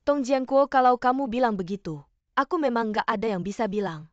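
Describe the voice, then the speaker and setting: Dub role: woman voicing a defensive, apologetic girlfriend, slightly high voice, dull dry sound. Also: lively intonation, brisk, darkish tone, dry recording, close to an everyday voice. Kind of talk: dubbed TV drama dialogue.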